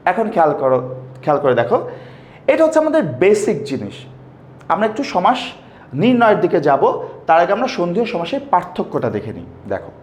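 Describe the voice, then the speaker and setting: A man's voice: sits high, a little mellow, reverberant. A man teaching a grammar lesson, repeating key terms and putting questions to his students. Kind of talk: classroom lesson.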